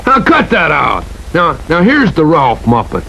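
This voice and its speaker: An actor voicing a gruff, chatty puppet dog in an old TV toy commercial. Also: male voice, a little high, wildly swooping pitch, a little slow, heavily acted. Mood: folksy. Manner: gruff folksy drawl. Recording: noisy old TV audio.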